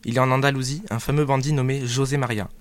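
A man's voice: mid-range voice, fairly even intonation, fast talker, close to an everyday voice. A man voicing a talkative male traveler who describes things in detail in an audio drama reading. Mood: chatty.

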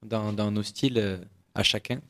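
A man's voice: lowish voice, flat delivery, moderate pace, a bit bright. A man from a band chatting casually in a radio studio interview, rambling a little with restarts. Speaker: band member.

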